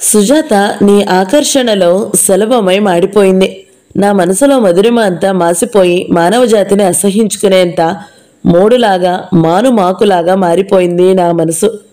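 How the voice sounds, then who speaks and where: A woman's voice: mid-range voice, unhurried, dark tone, lightly acted. A woman voicing a grief-stricken young man. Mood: bitter. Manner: anguished, pleading, raised and strained.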